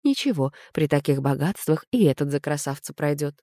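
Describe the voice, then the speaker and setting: Lady doing a gossipy old man with a goatee, sneering, low voice, audiobook. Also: animated, fairly quick, dark tone, dry recording, studio quality.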